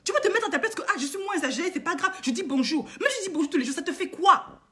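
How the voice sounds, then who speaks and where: A woman's voice: extremely high pitch, lively intonation, racing, a bit bright. A woman vlogger and coach lecturing her viewers with indignant, emphatic rhetorical questions and lots of repetition. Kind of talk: impassioned moralizing monologue to viewers.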